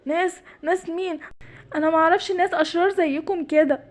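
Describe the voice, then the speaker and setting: A woman voicing a gentle, easily scared female giraffe in an Egyptian Arabic cartoon. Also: extremely high pitch, fairly even intonation, fast talker, pitched above the performer's own voice. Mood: frightened. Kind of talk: cartoon voice acting.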